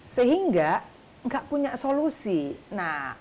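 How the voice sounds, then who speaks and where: A middle-aged woman hosting an interview, speaking in a measured, questioning way. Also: on the high side, very animated, a crowd in the background. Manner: measured, questioning, frequent backchannel agreement. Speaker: host. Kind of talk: casual interview.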